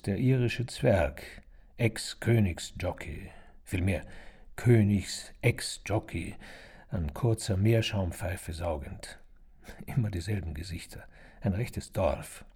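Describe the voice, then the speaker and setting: Slow, gravelly male narrator. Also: medium pitch, warm tone. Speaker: audiobook narrator. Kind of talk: literary first-person narration.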